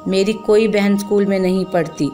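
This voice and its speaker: A woman's voice: mid-range voice, fairly even intonation, moderate pace, mellow, lightly acted. A woman voicing a frightened young girl who grows into a tearful young mother, speaking in a timid, pleading way over faint music.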